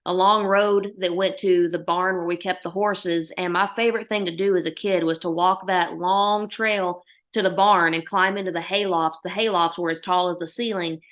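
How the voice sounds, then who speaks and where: A country musician in her thirties from Oklahoma, speaking with the local accent, answers interview questions in a lively, folksy storytelling style. Her pitch is fairly low and her speed normal.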